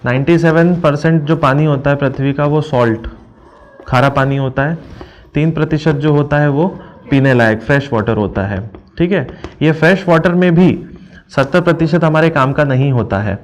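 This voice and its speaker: Man, teacher, exam-prep lesson, slow reading then translating, question-and-answer manner. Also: fairly high pitch, darkish tone, muffled recording. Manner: explains step by step, asks questions then answers them; reads English phrases slowly then translates.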